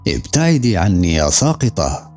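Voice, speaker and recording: A man's voice: sits low, big pitch swings, moderate pace, a little mellow, faint music behind. A man voicing an angry, domineering ship captain in an audiobook, with a harsh, commanding delivery.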